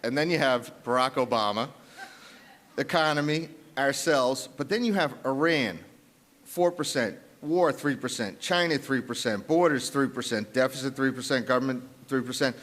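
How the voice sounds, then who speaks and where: A man's voice: medium pitch, normal speed, a bit bright. A man from the South Bronx with a New York accent, presenting poll numbers emphatically on a conference panel. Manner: emphatic, punchy, with frequent restarts. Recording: long reverb of a large conference hall.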